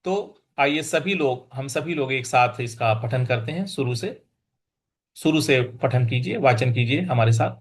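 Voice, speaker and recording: A man teaching Sanskrit verse recitation, sounding out each word slowly and chanting lines in a sing-song. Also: medium pitch, expressive. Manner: slow, deliberate, repeats each word and sounds it out. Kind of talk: recitation and pronunciation lesson.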